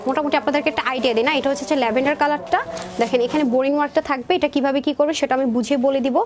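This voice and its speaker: A woman presenting dresses in a live sales stream, chatty and rapid, calling viewers sister. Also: high-pitched, fairly even intonation, a little hiss or hum. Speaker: online clothing seller.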